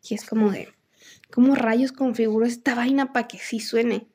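A woman's voice: on the high side, fairly even intonation, moderate pace, a little mellow, husky. A young Mexican woman co-hosting a podcast, telling stories animatedly, acting out quotes and laughing often. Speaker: podcast co-host. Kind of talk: casual chat.

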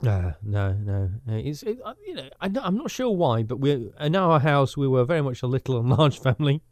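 A man's voice: medium pitch, sing-song, brisk, darkish tone, no echo, studio quality. Rambling Yorkshire man in a comedy podcast. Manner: rambling, playful. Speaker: podcast co-host.

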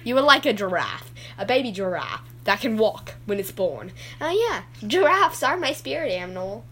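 A woman's voice: medium pitch, big pitch swings, moderate pace, sharp tone, slightly rough, heavily acted. A woman voicing a goofy, rambling adult male dad who keeps getting sidetracked in his story.

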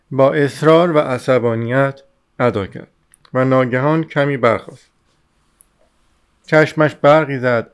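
A man narrating a novel as an audiobook in a measured, steady reading. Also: medium pitch, clean tone.

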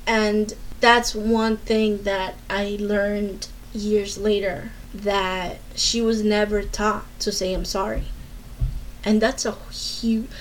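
A woman's voice: medium pitch, flat delivery, slow, a little hiss or hum, rough recording. A woman casually telling a personal story and giving earnest advice, speaking candidly, swearing freely, and often restarting her sentences. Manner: earnest and urging. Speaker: advice giver.

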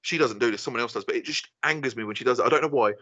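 A man's voice: medium pitch, very fast, sharp tone, no echo. A man co-hosting a podcast, ranting in exasperation and swearing often. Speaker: podcast co-host. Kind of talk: casual banter. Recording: dull dry lo-fi podcast audio.

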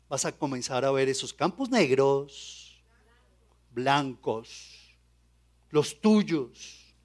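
Male preacher with a high voice, playful sermon delivery, fires questions at the congregation. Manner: asks the congregation quick rhetorical questions; joking, playful asides.

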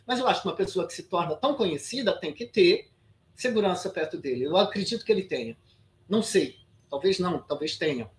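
A woman's voice: fairly low pitch, fast talker. Emphatic Brazilian woman in her sixties. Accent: Brazilian Portuguese. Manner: emphatic, animated, frequent restarts and "sabe?" asides. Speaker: guest actress. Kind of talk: casual interview storytelling.

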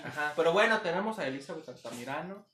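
A man's voice: a little high, lively intonation, fast, echoey room, background noise. A man with a Mexican accent co-hosting a casual podcast chat, slangy and often laughing as he jokes. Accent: Mexican Spanish. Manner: slangy, laughing, acts out quoted voices loudly. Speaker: podcast co-host.

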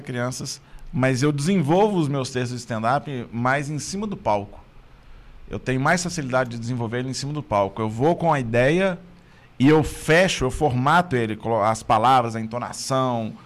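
A man's voice: mid-range voice, lively intonation, moderate pace. A man, a stand-up comedian talking casually and explaining his process in long, thoughtful stretches. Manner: thoughtful, explains at length with restarts. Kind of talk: casual chat.

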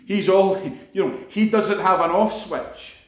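Higher-pitched man preaching in an echoey room. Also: unhurried. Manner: conversational storytelling, emotional, frequent fillers. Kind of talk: sermon testimony.

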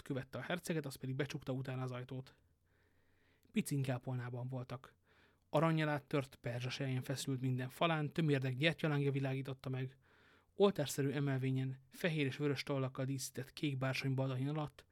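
Male audiobook reader, lively, casual asides, dry close sound. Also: medium pitch, dry recording. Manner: lively storyteller, joking asides. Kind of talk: reading a novel aloud with casual asides.

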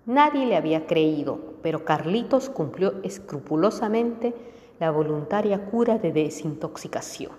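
A woman narrating a literary audiobook in a measured, even reading. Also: lowish voice. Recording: reverberant room with faint music.

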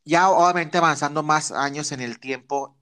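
A man's voice: fairly high pitch, moderate pace, sharp tone, clear, resonant tone. A man with a Mexican accent hosting a podcast interview, campy, teasing and flirtatious in casual chat. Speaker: podcast host.

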